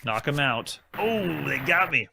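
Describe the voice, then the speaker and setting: A man's voice: on the high side, expressive, unhurried, gravelly, noisy background. A young man hosting a retro gaming live stream, chatting enthusiastically and casually as he plays and reviews games. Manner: enthusiastic, chatty, frequent laughs.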